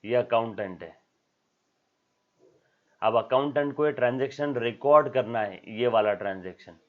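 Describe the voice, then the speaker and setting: In a dull, lo-fi recording, a man teaches accounting at normal speed in a mid-range voice. This commerce teacher quizzes his class, code-mixes English terms, repeats key words, and acts out short dialogues in a raised voice during the lecture.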